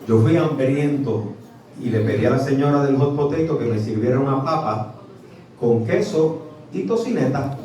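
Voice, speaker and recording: A Puerto Rican man giving a lively public talk as a professor, quizzing his audience as he goes. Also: mid-range voice, a little hiss or hum. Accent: Puerto Rican Spanish. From Puerto Rico. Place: restaurant event space. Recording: echoey venue, mic from a distance.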